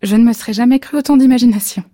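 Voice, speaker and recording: Wistful, excitable alien wife, read by a woman with a husky, soft voice. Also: medium pitch, a little fast, no room sound, studio quality. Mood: dreamy. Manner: eager, wistful. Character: dreamy, excitable young Martian wife.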